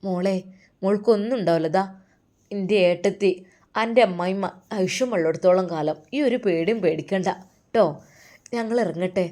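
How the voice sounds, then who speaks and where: A woman's voice: mid-range voice, moderate pace, long pauses, dark tone, lightly acted. A woman voicing a kind older sister-in-law who speaks firmly and reassuringly.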